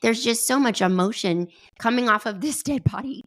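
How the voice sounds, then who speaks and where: A woman co-hosting a podcast retells a film scene in casual chat and is so moved she nearly cries, her voice catching near tears. She speaks at normal speed with a fairly high pitch.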